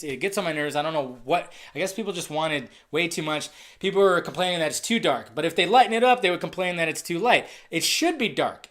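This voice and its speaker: A man giving a casual, ranting review of a movie trailer, excitable and profane, swinging between loud outbursts and muttered asides. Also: fairly high pitch.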